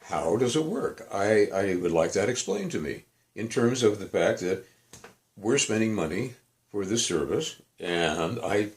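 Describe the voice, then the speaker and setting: A man's voice: low voice, darkish tone. An older man giving a rambling, emphatic complaint monologue for his video blog, often correcting himself mid-sentence. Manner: digressive, self-correcting, emphatic. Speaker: video blogger.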